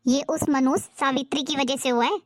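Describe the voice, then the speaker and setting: A woman's voice: high voice, steady tone, fairly quick, natural voice. A woman playing a harsh, superstitious middle-aged mother-in-law who scolds in a bossy way, in a homemade moral-story drama. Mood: accusing. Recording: music clearly behind the voice.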